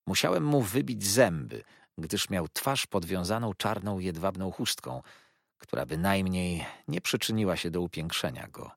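A man narrating a literary audiobook in a dramatic, expressive reading. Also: deep voice, creaky, no room sound, clean studio sound.

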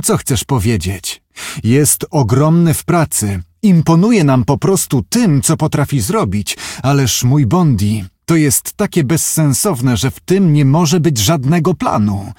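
A man's voice: a little high, a little mellow, slightly rough, dry recording, clean studio sound, pitched above the performer's own voice, full character voice. A man reading an audiobook, voicing an earnest, brooding man who muses and argues at length. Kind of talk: audiobook character voice.

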